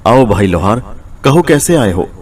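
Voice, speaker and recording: A man voicing a nervous, quick-tempered village potter in a storybook tale. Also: mid-range voice, very animated, slightly rough. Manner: evasive then angry.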